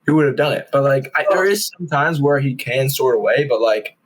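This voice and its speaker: A young man on a podcast, telling gaming stories in a lively way and acting out what his friends said. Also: medium pitch, normal speed, low-quality recording. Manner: animated storytelling, acting out quotes. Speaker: podcast co-host. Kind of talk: casual chat.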